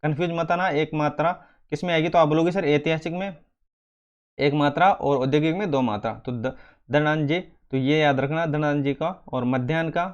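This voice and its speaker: A male teacher coaching students for an exam, his voice sitting a little high for a man. He drills each word by saying it over and over, turning to his students as friends. The sound is dull and lo-fi.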